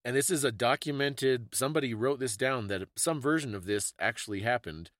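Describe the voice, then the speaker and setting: A man co-hosts a podcast, discussing history casually in a bookish, explanatory manner. His mid-range voice is brisk and a bit bright, recorded cleanly in a studio with no room sound.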